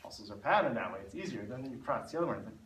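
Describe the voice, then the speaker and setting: A man's voice: medium pitch, animated, very fast, a bit bright. Man coaching a spine class in an echoey room. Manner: explanatory, demonstrating while talking. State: out of breath. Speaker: instructor. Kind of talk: fitness class instruction. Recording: echoey room, mic far off, faint noise.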